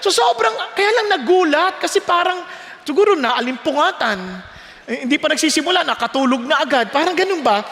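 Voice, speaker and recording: A man preaching a sermon as pastor, telling stories in an animated way that often climbs in pitch and volume. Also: a little fast, big-room sound.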